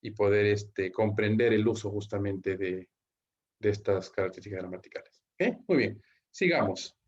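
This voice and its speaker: A man's voice: lowish voice, normal speed, darkish tone, dull audio. A male English teacher giving an online class lecture, explaining rules step by step and checking in with frequent "¿ok?" after each point. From Peru.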